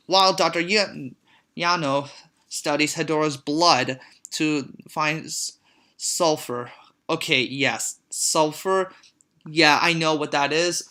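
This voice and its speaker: A casual film recap from a reviewer with a bright, forceful voice at a mid pitch. The talk stumbles and restarts constantly and repeats words. It drifts into disbelieving, amused asides. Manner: rambling, halting, with many restarts and repeated words; easily amused, reacts with disgust and disbelief. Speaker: movie reviewer.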